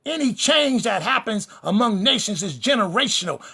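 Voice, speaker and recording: A man's voice: high-pitched, very animated, normal speed, vocal fry, sharp tone, slightly rough. A man preaching a fiery sermon-style lecture. He is emphatic and repetitive, speaks straight to his listeners, and builds lists and refrains for rhythm. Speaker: preacher and teacher.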